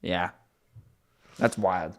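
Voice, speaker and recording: Young male co-host, lowish voice, tired and laid-back, casual swearing. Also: fairly even intonation, extremely slow. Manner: laid-back, swears, agreeable filler replies. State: sleepy, yawning. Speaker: podcast co-host. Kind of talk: casual chat.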